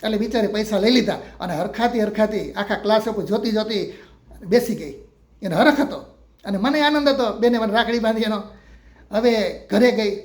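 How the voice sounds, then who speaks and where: An older man from Gujarat with a Gujarati accent, a retired teacher telling a true story from his classroom in a homely, affectionate way, acting out the children's lines. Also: high voice. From Gujarat, India. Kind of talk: storytelling monologue.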